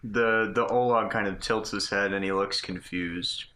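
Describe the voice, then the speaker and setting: A man's voice: on the low side, steady tone, normal speed, sharp tone, slight background noise. A man narrating as game master of a tabletop role-playing game, laid-back and full of fillers.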